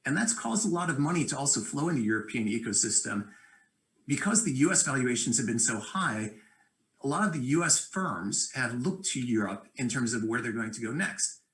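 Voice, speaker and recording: A man's voice: medium pitch, lively intonation, brisk, fairly bright tone, low-quality recording. Fluent, assured man on a panel. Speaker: venture capitalist panelist. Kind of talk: panel discussion.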